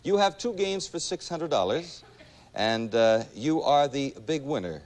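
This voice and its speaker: A man hosting a 1960s television quiz in front of a studio audience, his voice rising and falling over a lively range and sitting a little high. He keeps the game moving briskly and genially, slipping jokes between the questions. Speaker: game show host.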